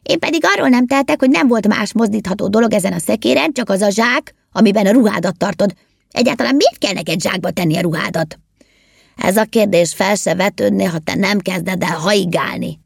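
A woman reading a storybook and voicing an excitable, sulky little male goblin who shouts shrilly. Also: on the low side, vocal fry, hardly any pauses, no room sound, studio quality, voice pushed up. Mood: indignant.

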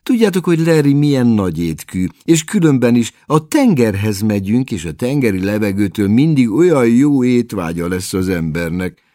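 A man's voice: medium pitch, very animated, hardly any pauses, warm tone, dry recording, studio quality, pitched above the performer's own voice, close to an everyday voice. A man reading aloud and voicing an anxious, generous mother who frets over food. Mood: fretting. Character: fussy generous mother, middle-aged woman, anxious host.

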